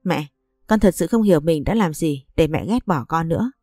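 A woman voicing a gentle, hurt young wife who speaks in a tearful, pleading way. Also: low voice, animated, normal speed, no room sound, studio quality, faint music behind.

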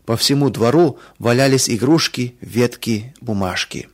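Calm male storyteller. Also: medium pitch, unhurried. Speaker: narrator.

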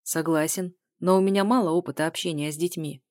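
A woman voicing a confident, persistent man who speaks calmly and insistently in an audiobook. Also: low-pitched, brisk, no echo, studio quality, natural voice. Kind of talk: audiobook dialogue reading.

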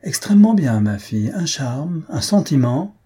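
A man's voice: medium pitch, lively intonation, warm tone, husky. A man voicing a pompous, irritable old painter who blusters and flares up, in a comic audiobook. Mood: effusive. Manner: blustering, quick to anger. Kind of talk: audiobook reading of a comic story.

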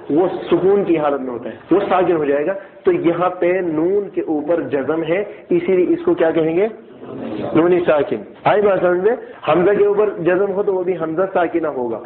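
A somewhat high-voiced man teaches a recitation class, quizzing his students and repeating each point. He drills syllables slowly, half-chanted. The sound is thin and phone-like, with a roomy echo. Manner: asks students questions and repeats key points. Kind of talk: classroom tajweed lesson.

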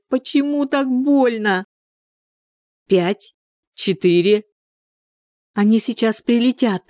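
A woman voicing an excitable pregnant young woman in labor, crying out in a shrill, panicky way. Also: no room sound, clean studio sound, natural voice.

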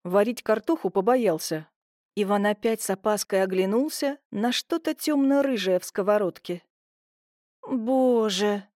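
Audiobook narrator: woman, mid pitch, expressive, dry close sound. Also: normal speed, no room sound. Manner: expressive storytelling. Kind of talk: scripted narration.

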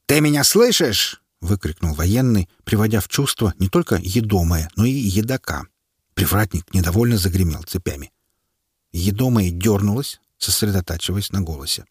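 Guy narrating an audiobook, low voice, very lively pitch, reads with expression. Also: moderate pace, breathy edge, no echo, studio quality. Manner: expressive reading, playing every figure.

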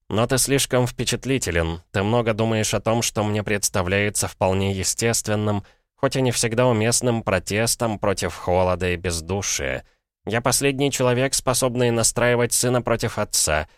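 A man's voice: on the low side, no room sound, studio quality, close to an everyday voice. A man voicing an earnest, mild-mannered schoolmaster lecturing a pupil in an audiobook.

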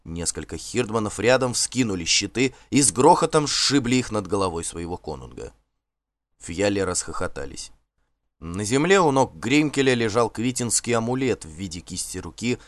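A male audiobook narrator with a low voice reads in a measured, expressive way. His intonation moves in lively swings, and the sound is dry and close to the mic. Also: dry recording.

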